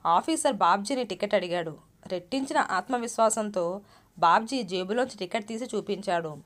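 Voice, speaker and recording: A woman storyteller narrating a moral story in a steady, even reading voice. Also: medium pitch, normal speed.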